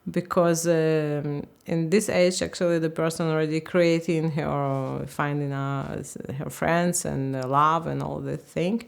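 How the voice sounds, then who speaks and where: A Ukrainian woman in her fifties, a language teacher, is being interviewed in English and speaks haltingly, often hunting for words in this candid conversation. Her voice is low and steady with some vocal fry, and the sound is clean.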